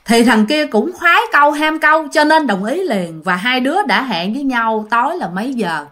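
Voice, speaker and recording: A woman's voice: sits high, lively intonation, moderate pace, fairly bright tone. Chatty woman telling ghost stories. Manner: chatty, addresses listeners directly. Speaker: storyteller and channel host. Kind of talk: spoken ghost story narration.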